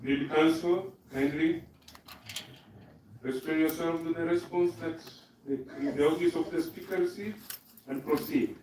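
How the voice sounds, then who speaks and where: A man's voice: on the high side, steady tone, a little slow, darkish tone. A Kenyan man presiding over an assembly as its speaker, sternly calling for order in a raised, commanding voice with formal procedural phrasing. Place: legislative assembly chamber. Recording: very echoey chamber, distant mic, faint noise.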